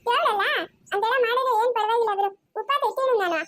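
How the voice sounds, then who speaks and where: A woman's voice: very high voice, fast, fairly bright tone, dry recording, studio quality, voice pushed up. Woman doing a whiny little girl. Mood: pestering. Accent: Chikkaballapur Kannada. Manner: whiny, demanding questions. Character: bossy little girl pestering grandma.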